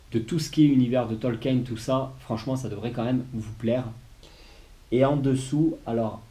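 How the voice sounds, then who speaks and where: Congested from a cold and short on voice, a man hosts a laid-back collectible review, his mid-range, dark-toned voice full of hesitant "euh"s and false starts.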